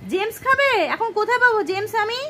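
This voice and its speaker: A woman's voice: extremely high pitch, quick pace, background noise. A woman chatting playfully with a small child, coaxing and teasing in a sing-song way. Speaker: caretaker filming a child.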